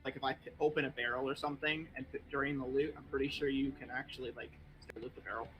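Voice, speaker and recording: A male streamer talks fast at a medium pitch, casually walking a friend through a game in a relaxed, rambling way packed with fillers. The audio has its highs cut off, and soft music plays in the background.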